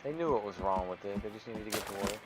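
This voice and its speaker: A man's voice: lowish voice, expressive, quick pace, over loud music, rough recording. A man chatting casually and teasing his friends while playing a survival game together. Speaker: fellow player on a game stream. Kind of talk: casual gaming chat.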